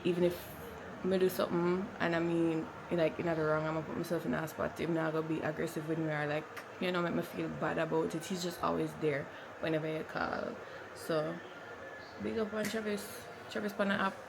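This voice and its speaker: A woman's voice: sits low, fairly even intonation, brisk, vocal fry, noisy background. A woman with a Jamaican accent chatting casually as a lifestyle vlogger, informal and slipping into Patois. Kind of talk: casual chatty vlog talk.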